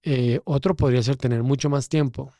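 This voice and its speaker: A man's voice: mid-range voice, a little fast, no room sound, clean studio sound. Colombian man, casting director guest. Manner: expressive, acts out quoted people. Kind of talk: casual interview.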